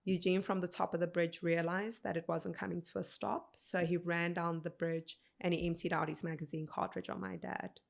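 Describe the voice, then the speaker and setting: A woman in her thirties from South Africa, a podcast guest telling a personal story in an earnest, measured way, quoting what people said. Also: on the low side, flat delivery, vocal fry. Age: 30s.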